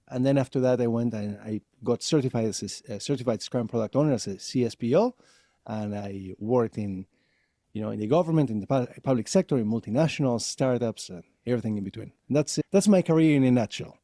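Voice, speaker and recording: A man from Argentina in his forties, a podcast guest who tells his career story with animated energy and frequent laughter. His voice has a dark, warm tone. The sound is dry and close. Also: medium pitch, quick pace, no echo. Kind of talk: casual interview.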